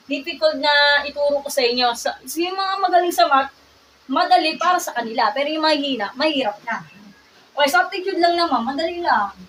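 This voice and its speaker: Filipino woman math teacher, high and loud, emphatic, on a phone mic set back a bit, faint room noise. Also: distant mic, low-quality recording. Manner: loud and emphatic, repeats checks like "gets?" and "ha?". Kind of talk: live-streamed math lesson.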